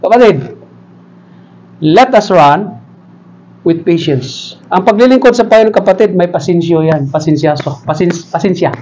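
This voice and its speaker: A middle-aged pastor delivers a lively sermon in a fairly high voice. He moves between quiet asides and loud, excited exclaims, and tells stories with laughter. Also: normal speed, long pauses, a little hiss or hum, rough recording. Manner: animated preaching mixing Tagalog and English, storytelling with laughs.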